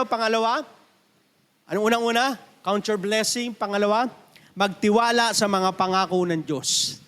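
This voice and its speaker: High-voiced Filipino pastor preaching in a reverberant church. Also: male voice, a bit bright. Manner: preaching in Tagalog mixed with English, calling for amens. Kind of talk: sermon.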